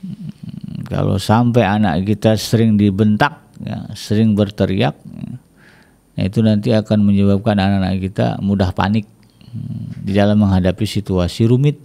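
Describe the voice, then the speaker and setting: A man giving casual religious advice on family life, chatty, with many small "ya" tags and lively acted-out complaints. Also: lowish voice, normal speed, vocal fry. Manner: chatty, peppers speech with "ya", acts out quoted complaints in a raised voice. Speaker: Islamic family speaker.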